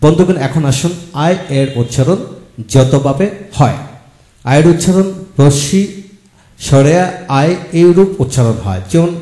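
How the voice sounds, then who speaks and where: A man teaching English pronunciation in a video lesson, slowly spelling out words letter by letter and repeating each one. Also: on the high side, expressive, mellow, roomy sound. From Bangladesh. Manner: slow, patient, repeats each word twice.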